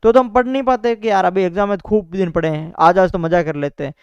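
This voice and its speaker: Speaking fast in a clear, resonant, high-pitched voice, a young man who topped his exam casually motivates students by describing how he prepared. He repeats himself and fills gaps with "bhai" and "theek hai." The lo-fi recording has no room sound.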